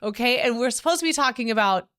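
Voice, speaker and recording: A woman co-hosting a casual podcast, playful and teasing in an animated way. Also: fairly high pitch, fast talker, smooth, no echo, studio quality. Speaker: podcast co-host. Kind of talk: casual chat.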